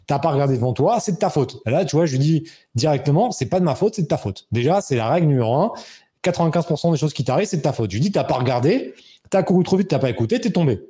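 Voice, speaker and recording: Man in his thirties, interview guest, fast casual storytelling, mellow tone, slightly high voice. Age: 30s. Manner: animated, acts out quoted dialogue with raised pitch.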